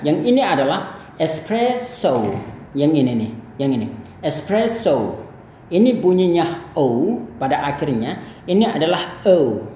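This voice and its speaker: A man from Indonesia giving a casual pronunciation lesson, slowly repeating words to model them and dropping in English fillers. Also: medium pitch, darkish tone. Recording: very echoey room, faint noise.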